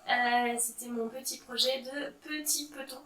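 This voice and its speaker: A woman's voice: high-pitched, fairly even intonation, a little slow, fairly bright tone, soft background music. A woman in her thirties chatting casually about her knitting projects, with frequent fillers and a self-mocking humor. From France. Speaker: knitting vlogger. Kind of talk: casual show-and-tell chat. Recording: echoey room, voice a bit far from mic.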